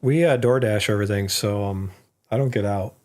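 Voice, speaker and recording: A man's voice: on the low side, a little fast, darkish tone. A man co-hosting a casual live stream, joking and laughing often. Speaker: co-host. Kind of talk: casual chat.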